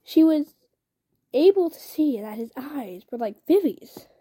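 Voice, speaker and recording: A young woman reading a novel aloud in a casual way. Her voice sits fairly high with a mellow tone. She often trips over a word and starts the phrase again. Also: expressive, unhurried. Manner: reads with frequent slips and restarts. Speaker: reader.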